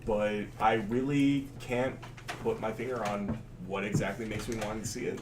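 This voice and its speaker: A man's voice: lowish voice, steady tone, moderate pace. Slightly distant, hesitant man. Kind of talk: casual group chat. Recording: off-mic with faint room noise.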